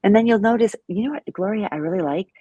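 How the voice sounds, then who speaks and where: A woman's voice: medium pitch, quick pace, warm tone, breathy edge, no room sound, muffled recording. A woman co-hosting a live language lesson, chatting casually with many fillers and little self-deprecating laughs. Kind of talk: casual live-stream teaching chat.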